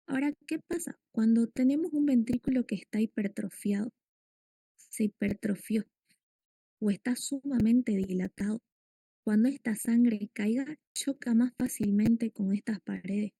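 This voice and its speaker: Woman lecturer, slightly high voice, gravelly, mellow tone, dry close sound. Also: no echo. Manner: explanatory, asks students questions. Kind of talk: medical lecture.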